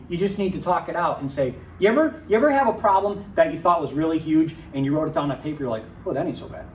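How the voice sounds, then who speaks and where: A man giving a conversational Bible teaching to a recovery group, lively and full of rhetorical questions. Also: a little high. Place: church meeting room. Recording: echoey church room, distant mic, faint hiss.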